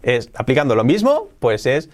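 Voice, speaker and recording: A young man from Spain with a Spanish accent, hosting a casual video lesson on learning English. He talks in a lively way and often repeats himself. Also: medium pitch. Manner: lively, repeats himself, quick asides and laughs. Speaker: English teacher, channel host.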